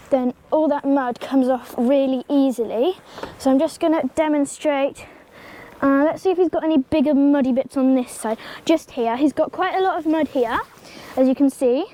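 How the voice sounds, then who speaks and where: Beside a pony in an outdoor stable yard, a teenage horse-care vlogger with a slight cold gives a casual how-to on grooming. Her voice is high and mellow, and she talks chattily and ramblingly, with lots of ums and likes, sometimes speaking to the pony.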